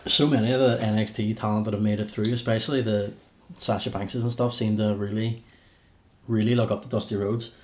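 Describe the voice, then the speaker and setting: A man's voice: lowish voice, little pitch movement, fairly quick, a little mellow. Guy on a podcast, jokey, rattles off lists, sounds roomy and echoey. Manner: chatty, jokey, reels off names. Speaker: podcast co-host. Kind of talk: casual wrestling podcast chat. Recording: roomy echo.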